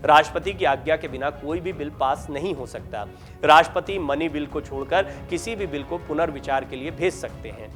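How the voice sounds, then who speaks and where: A man delivers a news voice-over in a steady, formal manner. His voice sits a bit high for a man, and soft music plays faintly behind him. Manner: steady, formal explanatory read. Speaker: news narrator. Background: faint background music.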